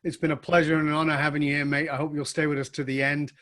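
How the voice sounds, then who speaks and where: A man's voice: a little high, little pitch movement, racing, fairly bright tone. A man hosting an interview podcast, chatting emphatically and agreeing often with his guest. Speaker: podcast host. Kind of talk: casual interview chat.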